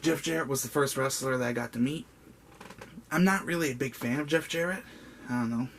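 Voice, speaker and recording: A man's voice: mid-range voice, fairly quick, a bit bright. Rambling young man telling a story. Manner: rambling, with many "like" and "um" fillers. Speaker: vlogger. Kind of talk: casual personal storytelling. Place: indoor room with a buzzing bug. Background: faint background noise and a buzzing bug.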